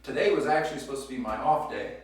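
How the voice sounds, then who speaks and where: A man vlogging casually to camera in a halting, explanatory way, recorded on a phone set up in a small room. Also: medium pitch. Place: small indoor bathroom, sitting in a tub. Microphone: phone set up away from him. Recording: very echoey room, distant phone mic.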